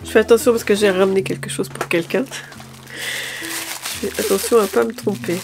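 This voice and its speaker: A woman's voice: medium pitch, steady tone, brisk, vocal fry. Woman showing off her shopping haul, kinda tired, lots of ums and restarts, music under her voice. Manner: hesitant, many fillers and restarts. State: a little tired. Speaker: lifestyle vlogger. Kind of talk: casual haul video chat.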